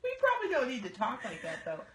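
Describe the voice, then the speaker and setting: A woman's voice: fairly high pitch, wildly swooping pitch, quick pace. A woman chatting casually. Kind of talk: casual chat. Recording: roomy, distant, noisy home video.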